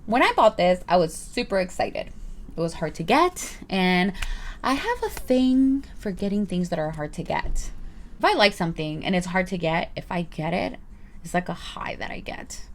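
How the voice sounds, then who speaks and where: A woman's voice: fairly low pitch, sing-song, moderate pace, a little hiss or hum. A woman in her thirties reviewing her purchases in a casual, chatty vlog, rambling with playful asides. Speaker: vlogger.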